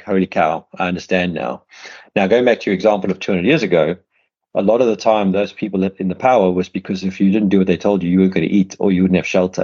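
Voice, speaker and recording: A podcast host with a South African accent runs an interview in a low, dark voice, heard through a muffled recording. His casual chat rambles, with many restarts and repeated words.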